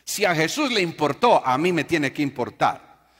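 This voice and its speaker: Joking preacher in a big hall. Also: male voice, a little high, big pitch swings, normal speed, fairly bright tone, husky. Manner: storytelling, joking with the congregation. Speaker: pastor. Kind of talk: sermon.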